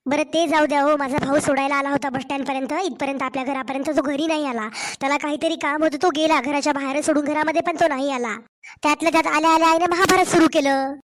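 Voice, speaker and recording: A woman voicing an aggrieved young wife and mother in a cartoon story, hoarse from a cold and complaining in a Marathwada Marathi accent. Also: sits high, steady tone, fast, natural voice. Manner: complaining, pleading.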